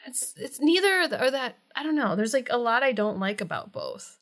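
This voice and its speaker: A woman co-hosting a podcast in casual chat, animated and teasing, laughing often. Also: a little high, a little fast. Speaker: podcast co-host.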